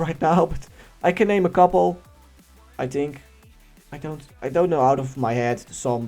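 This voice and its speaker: Young Dutch-accented male YouTuber, chatty Q&A host, animated pitch, faint music underneath. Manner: chatty and animated, laughing often. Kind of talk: casual Q&A reading viewer questions.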